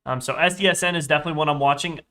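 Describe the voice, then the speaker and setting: Very fast and fairly high-pitched, a young man's congested, stuffy voice sounds pushed and bright. He rambles through live-stream trading chat, reading chat aloud and correcting himself as he goes.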